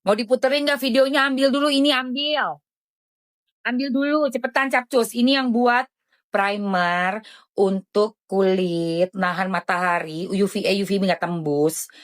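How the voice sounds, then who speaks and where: A woman hosting a casual live stream, chatting animatedly in slang and selling skincare. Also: normal speed. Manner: animated, chatty, jumpy pitch swings, lots of slang.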